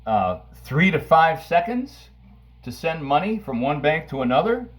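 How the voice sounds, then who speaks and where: A man talking playfully to camera in his kitchen, theatrical, swinging from booming outbursts to low asides while he cuts an onion. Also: sing-song, unhurried. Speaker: vlogger. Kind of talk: casual talk to camera. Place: home kitchen.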